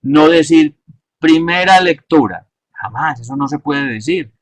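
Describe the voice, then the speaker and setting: A man giving a measured, explanatory lesson and stressing his key points. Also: a little high, husky, no room sound. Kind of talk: instructional talk.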